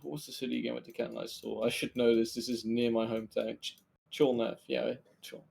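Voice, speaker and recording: A man's voice: medium pitch, flat delivery, fairly quick, creaky, darkish tone, breathy edge. A man talking casually as a player in a tabletop role-playing game.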